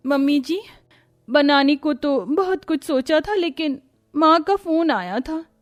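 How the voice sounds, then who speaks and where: A woman's voice: sits high, animated, slow, faint music behind. Woman voicing a sly, whiny young bride. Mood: fake sweet. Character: lazy, scheming young bride. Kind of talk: Hindi cartoon voice acting.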